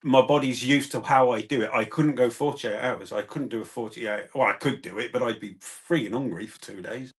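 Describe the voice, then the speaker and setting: A man's voice: medium pitch, brisk, few pauses. A man chatting casually on a live stream, restarting his words often as he tells stories. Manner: stammers on restarts, animated storytelling.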